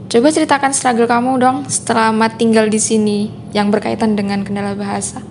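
A woman's voice: on the high side, flat delivery, brisk, noisy background. A young woman hosting an interview, giving brief prompts and casual questions.

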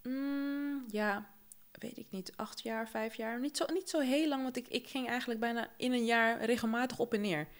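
A young woman from Suriname, co-hosting a podcast and telling lively stories about her childhood, often laughing and acting out the voices of people she quotes. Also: on the high side, normal speed. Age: young adult. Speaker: podcast co-host. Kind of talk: casual chat.

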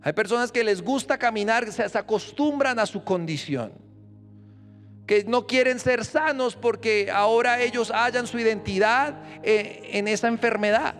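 High-pitched preaching man. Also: normal speed, faint music behind. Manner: rises to loud emphatic declarations. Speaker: pastor. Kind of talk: sermon.

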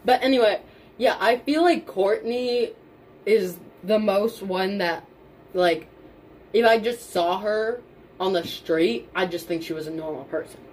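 Young woman, casual podcast chat, mid pitch, informal, emphatic, faint background noise. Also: measured pace, rough recording. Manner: informal, emphatic repetition, mild swearing. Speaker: podcast co-host. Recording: steady background noise and room ambience.

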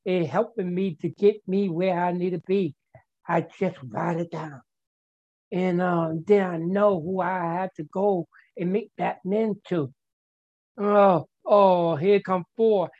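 A man's voice: high-pitched, steady tone, takes it slowly, darkish tone, dull audio. A man sharing at a twelve-step recovery meeting, stuttering and repeating words in simple, earnest phrasing.

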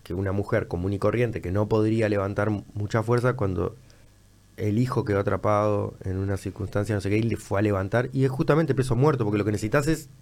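A man with a Uruguayan accent hosting a casual chat, chatty and quick to jump in. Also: fairly low pitch, a little mellow. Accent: Uruguayan Spanish. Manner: fast, chatty, interjecting. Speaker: host. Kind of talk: casual conversation.

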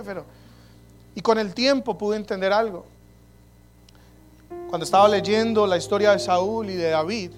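A man preaching an earnest, personal sermon on prayer, often dropping to soft prayerful tones. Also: high voice. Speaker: pastor. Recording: music bed under the voice. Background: soft instrumental music.

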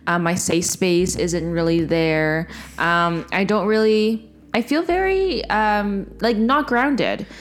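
A woman's voice: medium pitch, takes it slowly, hardly any pauses. A woman chatting casually and informally as a podcast co-host, with an upbeat manner. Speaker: podcast co-host, outreach worker and teacher. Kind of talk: casual chat.

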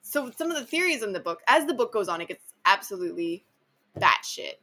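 Woman host, casual book chat, bright tone, talkative, lots of fillers. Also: mid-range voice, big pitch swings, fairly quick. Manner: chatty, filler-heavy, enthusiastic. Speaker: podcast host.

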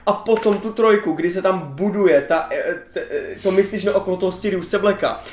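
Czech dude ranting about movies, swears a ton, bit high voice, roomy. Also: male voice, slight background noise. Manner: excitable, swears a lot. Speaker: podcast co-host. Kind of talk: casual film chat. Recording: roomy echo.

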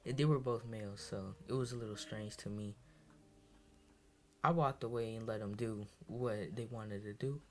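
A man's voice: lowish voice, steady tone, moderate pace. A young man from Massachusetts hosting his first solo podcast, talking in a rambling, hesitant way full of fillers and restarts, sounding tired. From Massachusetts, USA. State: tired, low on energy. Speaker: podcast host. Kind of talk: casual solo podcast monologue.

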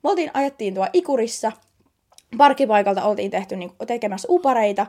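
A woman's voice: fairly high pitch, animated, warm tone. A young woman with a Finnish accent co-hosting a podcast, telling a story with lots of giggling. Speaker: podcast co-host. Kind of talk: casual storytelling chat.

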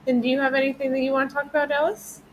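A woman's voice: high-pitched, level tone, rapid-fire, a little hiss or hum, rough recording. A woman hosting a casual true-crime podcast, chatty and loose, often breaking into giggles. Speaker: podcast host.

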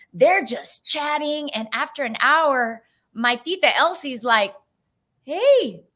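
A woman from San Francisco tells her life story as a podcast guest, taking her time over each point. Her voice is bright and sits somewhat high. She livens her stories by acting out the people in them. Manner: lively, animated storyteller who acts out voices. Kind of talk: storytelling interview answer.

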